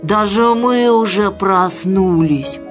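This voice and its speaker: A woman narrating a children's fairy tale in a lively, expressive way. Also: mid-range voice, takes it slowly, over music. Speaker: storyteller.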